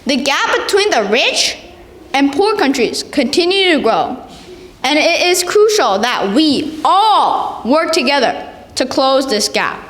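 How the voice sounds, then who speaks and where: Child speaker, high swooping pitch, stiff memorized contest speech, echoey hall. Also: sing-song, slow, a bit bright. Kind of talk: prepared competition speech.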